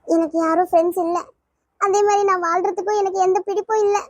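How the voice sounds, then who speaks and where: A performer voicing a distraught, timid young woman in a cartoon, pleading and suspicious in a very high girlish voice. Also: fairly even intonation, no room sound. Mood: pleading, scared. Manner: quick, pleading, fretful talk. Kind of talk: cartoon voice acting.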